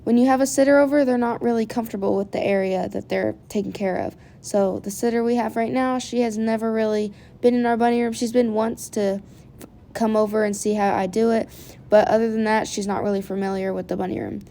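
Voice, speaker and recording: A woman's voice: on the high side, steady tone, fairly quick, gravelly, mellow. Woman with a groggy morning voice. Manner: chatty, repeats words for emphasis. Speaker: pet vlogger. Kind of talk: casual how-to vlog narration.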